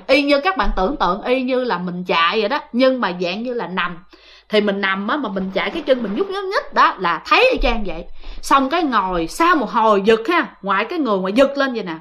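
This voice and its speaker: A woman's voice: on the high side, a bit bright. A woman telling ghost stories in a chatty, casual way, often speaking straight to her listeners. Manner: chatty, addresses listeners directly, lots of fillers. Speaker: ghost story narrator. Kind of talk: casual spoken storytelling.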